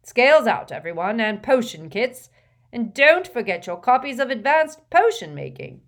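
A woman voicing a jovial, portly old male potions teacher who talks in a booming, effusive, fatherly way. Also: sing-song, moderate pace.

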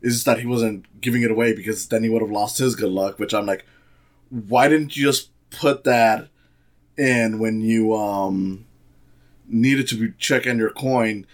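Low-voiced man ranting about a movie. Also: steady tone, moderate pace. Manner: rambling, sarcastic, frequent fillers. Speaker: film reviewer. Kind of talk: casual spoken movie review.

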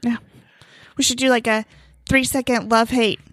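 A woman co-hosting a casual podcast, an animated, teasing storyteller who laughs easily. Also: a little high, moderate pace, no echo. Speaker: podcast co-host. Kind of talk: casual chat.

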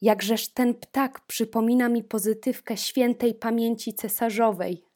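A woman's voice: on the high side, fairly even intonation, unhurried, a little mellow. A woman voicing an old court marshal in a storybook reading, speaking wistfully.

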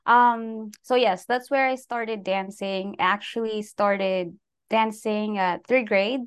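This young adult woman from the Philippines takes it slowly, her medium-pitched voice clear and resonant. As an interview guest she chats in a relaxed way, using plenty of "like" fillers and laughing between phrases.

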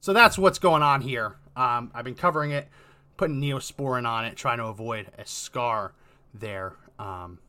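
Bright-voiced male podcast host. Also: mid-range voice, normal speed. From Texas. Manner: rambling, many fillers and restarts. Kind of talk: casual storytelling.

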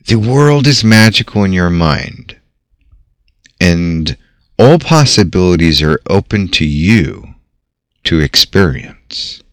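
A man narrating a guided visualization in a measured, theatrical manner with long dramatic pauses. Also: deep voice, no echo, studio quality. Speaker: host. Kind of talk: slow guided visualization narration over music. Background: soft background music.

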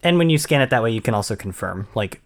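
A man's voice: medium pitch, animated, fast talker. A man from Maine co-hosting a podcast, explaining in casual chat with frequent ums and restarts. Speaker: podcast co-host.

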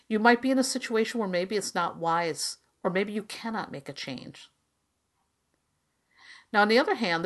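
A woman speaks as the host of a tarot podcast, with a mid-pitched voice. She explains things conversationally in informal, everyday phrasing, addressing the listener directly with advice. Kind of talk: casual, conversational explainer monologue.

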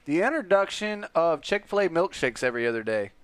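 A man's voice: fairly high pitch, very animated, fairly quick, clear, resonant tone, no room sound. A man chatting casually with friends in crude, sweary, joking lad banter. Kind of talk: casual chat among friends.

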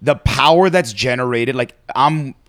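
A man's voice: medium pitch, measured pace, a bit bright, no echo, studio quality. A young man in casual banter, emphatic and often interrupting himself to qualify what he says. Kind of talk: casual banter about combat sports.

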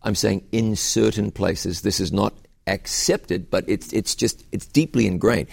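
A man who is a pastor and host, interviewing a guest with curious, quick follow-up questions and frequent restarts. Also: on the low side, steady tone, creaky, slightly rough.

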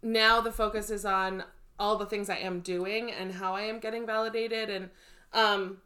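A woman co-hosts a frank, casual podcast conversation. Her voice is bright and clear, at an ordinary pitch for a woman. She talks in a steady, reflective way and pauses with ums. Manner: measured and reflective, with filler ums. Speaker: podcast co-host. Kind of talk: candid casual chat.

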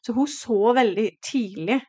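A woman's voice: fairly high pitch, dark tone, dry recording. A woman in her forties speaking a heartfelt, reflective personal podcast monologue, with hesitant fillers and restarts. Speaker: podcast host.

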